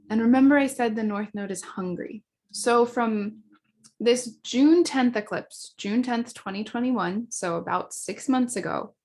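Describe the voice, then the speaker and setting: A woman astrologer giving a casual explanatory talk, quick and chatty, with fillers and self-corrections. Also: mid-range voice. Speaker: astrologer teaching a class.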